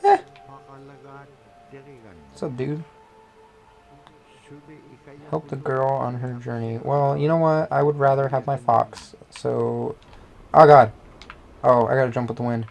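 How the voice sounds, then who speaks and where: A woman hosting a co-op let's-play, chatting casually, excitable and swearing at the game. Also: extremely low pitch, slow, creaky, pauses often, soft background music. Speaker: co-op gaming host.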